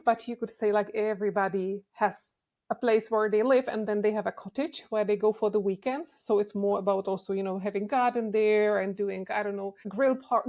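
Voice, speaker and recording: A young woman from the Czech Republic, talking as a guest in a casual interview, relaxed and candid. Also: medium pitch. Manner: relaxed and candid, with frequent restarts and laughs.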